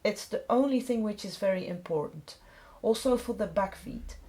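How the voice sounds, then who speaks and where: A middle-aged woman with a Belgian accent demonstrates dog grooming step by step, narrating in simple, informal phrases as a non-native English speaker. She sounds expressive, with a medium pitch, moderate pace and dark tone.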